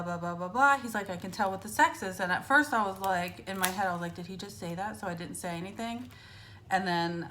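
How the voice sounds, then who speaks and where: A woman's voice: mid-range voice, a bit bright. A young adult woman vlogging casually to camera, telling a story full of fillers and acted-out quotes.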